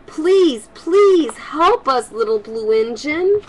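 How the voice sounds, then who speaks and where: Woman voicing high, eager little storybook toys and dolls. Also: takes it slowly, a little hiss or hum. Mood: pleading. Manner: pleading, excitable, sing-song. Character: group of small pleading toys and dolls, anxious for help.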